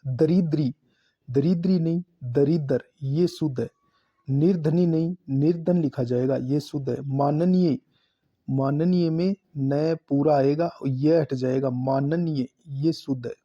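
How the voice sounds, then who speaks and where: A man teaching a spelling lesson for exam prep, slowly repeating each word and marking it correct. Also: a little high, steady tone, dark tone, muffled recording.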